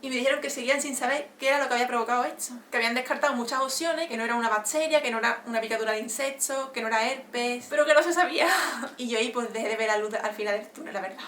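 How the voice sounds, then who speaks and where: Fast-talking young woman from Spain. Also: a little high. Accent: Spain Spanish. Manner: animated, expressive retelling with laughs. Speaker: vlogger. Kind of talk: casual storytelling vlog. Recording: echoey room with faint ambient noise.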